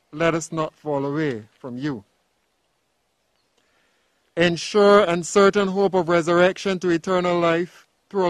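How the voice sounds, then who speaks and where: A man leading a funeral committal, reading liturgical prayers in a slow, solemn, measured cadence. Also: sits high, no echo.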